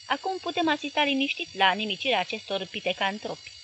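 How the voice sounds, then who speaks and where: A volatile middle-aged press magnate, as a woman reading the book puts him on, barks his words with gruff authority. His temper flares into explosive shouting without warning. It is an audiobook reading, with the figure voiced in a lifted, louder register. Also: on the high side, sing-song, slight background noise. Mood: gruff, confiding.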